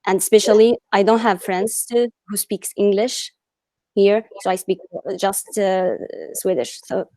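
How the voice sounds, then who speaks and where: A woman's voice: mid-range voice, fairly even intonation, unhurried, dark tone, no room sound. Hesitant woman. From Saudi Arabia and Syria. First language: Arabic. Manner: hesitant, searching for words, laughing often. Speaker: student. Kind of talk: introducing herself in class.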